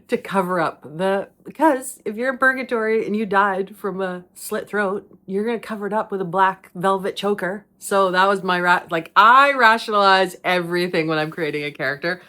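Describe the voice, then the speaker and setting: A woman's voice: medium pitch, normal speed, hardly any pauses, bright, forceful tone. A middle-aged woman hosting a podcast, talking casually about acting, often laughing and drifting off on tangents. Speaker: podcast host. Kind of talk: casual monologue.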